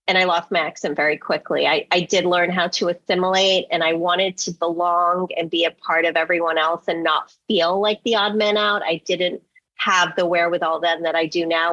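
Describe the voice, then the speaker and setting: A woman's voice: fairly low pitch, a bit bright, no echo, muffled recording. A woman in her forties from England, a marketing executive who talks through her past candidly and reflectively as an interview guest.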